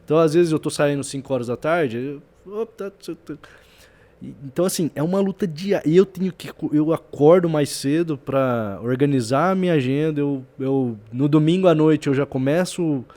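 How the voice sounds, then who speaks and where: A man, a business owner and father, talking things over in a casual podcast conversation, reflective and halting, with many fillers. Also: on the high side, dark tone.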